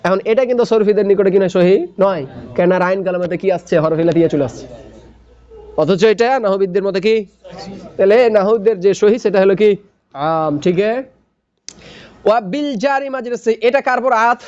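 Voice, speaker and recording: A man's voice: sits high, fairly quick, long pauses, a little mellow, clear, resonant tone, muffled recording. A man teaching Arabic grammar in a classroom lecture, asking questions and answering them himself.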